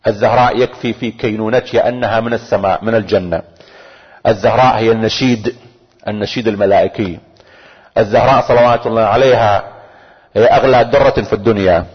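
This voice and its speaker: Man, preacher, fervent sermon, rapid delivery, raspy, dull lo-fi sound. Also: steady tone. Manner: rising to fervent, chanting high pitch on salutations; addresses listeners directly, repeats phrases for emphasis. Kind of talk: religious sermon. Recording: lo-fi recording with long hall reverb.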